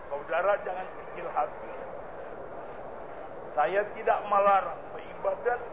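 A man teaching a religious study lesson on a hadith text, emphatic and asking and answering his own questions. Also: high-pitched. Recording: muffled lo-fi recording with clear background noise.

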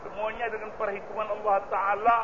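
A man teaches a religious study lesson, working through a hadith text. He is emphatic and keeps posing questions to his listeners and then answering them himself. His voice sits high and gravelly, and the recording is muffled and lo-fi with clear noise behind him. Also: little pitch movement, brisk.

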